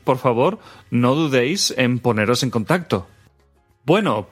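Slow, lively teacher man. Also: medium pitch. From Spain. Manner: clear, slow teaching delivery with repeated phrases. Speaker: language teacher, co-host. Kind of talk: scripted podcast language lesson.

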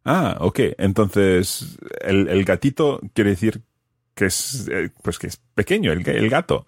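A man with a lowish, husky voice talks in a casual lesson chat, curious and keen to ask follow-up questions. His voice is recorded dry and close, with no room sound around it. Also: animated, a little slow, no echo. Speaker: podcast co-host and Spanish learner.

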